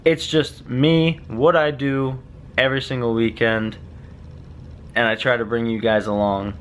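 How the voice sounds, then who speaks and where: A man's voice: mid-range voice, little pitch movement, a little slow, a bit bright, slight background noise. A man in his twenties talking to the camera in a casual, upbeat and rambling vlog. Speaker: vlogger.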